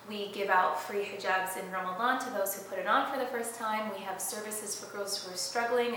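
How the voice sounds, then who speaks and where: A woman's voice: medium pitch, bright, forceful tone, a little hiss or hum. A young woman from Detroit, founder of a hijab fashion brand, answering viewer questions in an earnest, conversational way with plenty of fillers. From Detroit, Michigan, United States. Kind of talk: casual chat, Q&A. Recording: very echoey room, from a distance.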